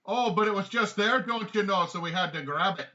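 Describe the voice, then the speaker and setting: A man voicing a cheeky, defensive male ice goblin with a high, folksy, sing-song drawl. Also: a little fast, pushed and bright, dull audio.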